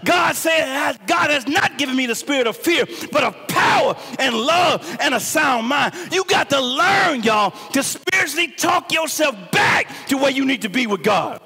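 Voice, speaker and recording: A male pastor preaching a sermon in a fervent, half-sung shouting style, recorded in a church. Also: very high-pitched, lively intonation, normal speed, creaky, few pauses, faint music behind. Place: church sanctuary. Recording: long church reverb.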